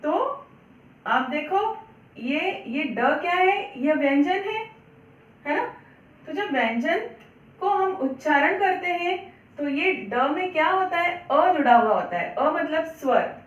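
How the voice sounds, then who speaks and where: A woman's voice: sits high, expressive, echoey room, far from the mic, lo-fi sound. A woman teaching a Hindi class to young children, patiently spelling out words, asking questions and answering them herself. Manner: patient, repeats words slowly, asks and answers own questions. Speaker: primary school Hindi teacher. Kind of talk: children's online lesson.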